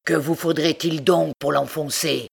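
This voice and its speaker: A woman voicing a brash, bossy male king of the truands, with loud commanding outbursts. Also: deep voice, fairly even intonation, measured pace, creaky, heavily acted.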